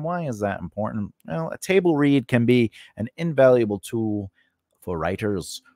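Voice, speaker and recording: In a mid-range voice on a dry recording, a man teaches a scriptwriting lesson informally to camera. He's recorded close on a studio microphone on a stand in a small indoor space, speaking conversationally, haltingly, and frequently rewording himself.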